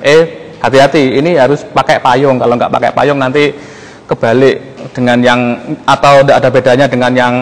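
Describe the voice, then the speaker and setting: A man teaching a class on an old script, slow and halting, often stopping to quiz his listeners. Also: mid-range voice. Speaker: lecturer. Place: museum lecture room. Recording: long hall reverb.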